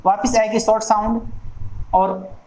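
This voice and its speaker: A woman teaching an exam-prep phonetics lesson, going through each sound slowly and deliberately. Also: medium pitch, little pitch movement, a little mellow. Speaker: English teacher. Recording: echoey room with faint noise.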